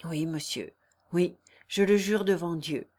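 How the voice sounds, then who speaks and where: A woman's voice: fairly low pitch, measured pace, mellow. A woman voicing a candid young country girl who protests her innocence sincerely in a read-aloud novel. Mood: sincere, aggrieved.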